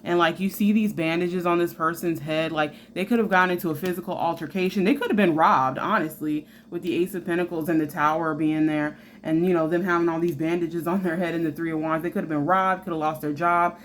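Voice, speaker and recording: Woman, tarot reader, chatty and frank, lowish voice, faint room noise. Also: steady tone, brisk, few pauses. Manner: chatty, frank, filler-heavy. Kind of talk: casual tarot reading.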